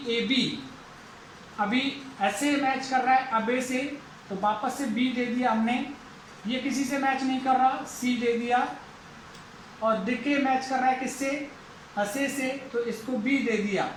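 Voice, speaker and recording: A man's voice: very high-pitched, reverberant, slight background noise, poor audio. A man teaching an English lesson, going through it methodically and repeating each step aloud. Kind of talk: explaining a lesson.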